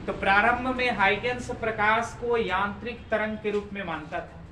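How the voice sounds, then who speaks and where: A man's voice: high-pitched, steady tone, moderate pace, pushed and bright, a little hiss or hum. A man teaching physics in a classroom lecture, often asking the class questions and repeating their answers. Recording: roomy classroom, from far off.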